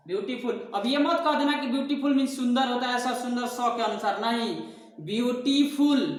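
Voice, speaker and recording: A man's voice: very high voice, fairly bright tone. A man teaching an English grammar lesson in a classroom style, asking his own questions and answering them to drill each point home. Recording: very echoey room.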